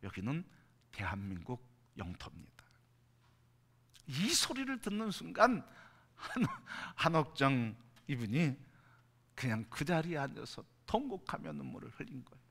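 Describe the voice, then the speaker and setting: A man preaching a Sunday sermon as pastor, with a swelling, impassioned delivery that rises to loud peaks and falls to near whispers. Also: fairly high pitch, very animated, normal speed, vocal fry, breathy edge. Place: church sanctuary. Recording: long church hall reverb.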